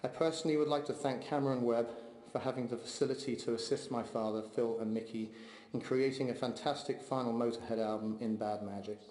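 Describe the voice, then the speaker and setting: A man delivering a heartfelt memorial eulogy for his father, speaking in a measured, steady way. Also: medium pitch. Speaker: eulogy speaker, son of the deceased. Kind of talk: memorial eulogy read aloud. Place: large memorial hall. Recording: echoey hall, long reverb.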